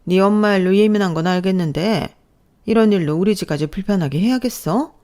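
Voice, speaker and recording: A woman's voice: medium pitch, a little fast, mellow, close to an everyday voice. A woman voicing a snobbish middle-aged mother-in-law who scolds and belittles her daughter-in-law in a scripted story narration. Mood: scolding.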